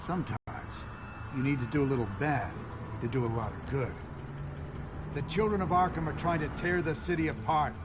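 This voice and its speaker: Guy doing nervy follower cop in a game, kinda high voice, earnest but unsure, traffic noise behind. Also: a little fast, natural voice. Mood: insistent. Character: earnest, uneasy follower police officer, easily swayed. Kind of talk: video game dramatic acting.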